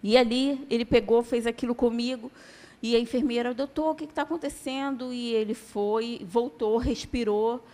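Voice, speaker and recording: A woman's voice: on the high side, fairly even intonation, moderate pace, a little mellow. A woman giving a church testimony as a sermon, telling her story dramatically and acting out the dialogue.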